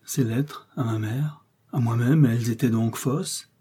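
A man voicing a shaken young gentleman who cries out in high, strained bursts, in an audiobook reading. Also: steady tone, measured pace, husky.

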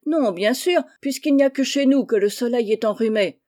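A woman's voice: a little high, normal speed, warm tone, pitched above the performer's own voice, close to an everyday voice. A woman voicing a very old village grandfather in a read-aloud tale, lifting her voice for him. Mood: eager.

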